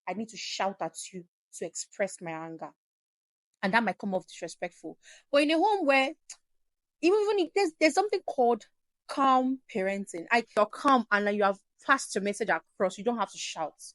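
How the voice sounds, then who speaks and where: A woman hosting a parenting advice show, answering viewer questions in an animated way and acting out shouting parents. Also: mid-range voice, no echo. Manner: animated, acts out shouting parents, drops to soft emphasis.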